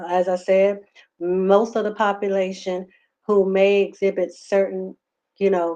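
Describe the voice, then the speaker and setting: A woman's voice: mid-range voice, darkish tone. A woman counselor giving earnest advice, talking with many fillers and restarts. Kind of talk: advice talk to camera. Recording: slightly dull lo-fi sound.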